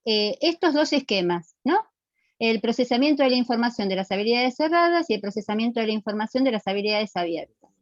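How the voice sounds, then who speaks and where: A fairly high-voiced woman gives an online lecture, patiently explaining and asking her students questions. Her audio comes through dull and muffled over a video call, with a close, dry sound and no room echo. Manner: explanatory, asks the class questions and repeats answers. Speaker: teacher.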